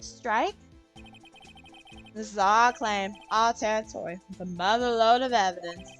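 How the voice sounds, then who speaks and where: A woman's voice: medium pitch, steady tone, very slow, faint music behind. A woman voicing a swaggering male detective who talks like a Western sheriff, in a put-on cowboy drawl.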